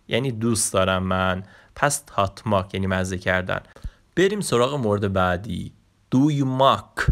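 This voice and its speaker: A man with a Persian accent teaching a Turkish vocabulary lesson. He stretches out example words slowly and explains them quickly in between. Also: fairly low pitch, gravelly, a bit bright.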